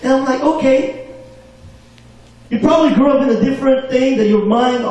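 Male preacher, high voice, call-and-response delivery, booming church echo, distant mic. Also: normal speed, a little mellow. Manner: call-and-response, asks for amens. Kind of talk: sermon. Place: church hall. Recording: very echoey hall, mic far off.

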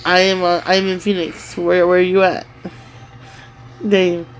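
A woman's voice: fairly low pitch, flat delivery, a little slow, soft background music. A woman in casual chat, teasingly prodding a sleep-talking partner with repeated questions. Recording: noisy home recording.

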